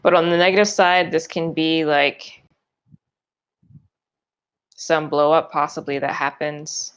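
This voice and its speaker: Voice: medium pitch, fairly even intonation, slow pace, fairly bright tone, clean tone. A tarot reader giving a loose, chatty forecast, full of fillers and restarts and yawning often.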